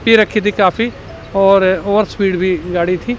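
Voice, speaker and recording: A man recounting the accident to a reporter outdoors. He speaks haltingly with many pauses and fillers. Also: sits high, steady tone, slight background noise. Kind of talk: street interview.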